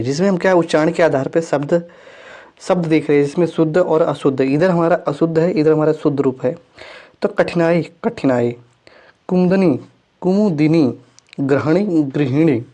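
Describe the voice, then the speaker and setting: In a mellow, slightly high voice at a moderate pace, a Hindi grammar teacher preps students for an exam by reading spellings, both right and wrong. Each word comes twice, and he corrects himself as he proceeds.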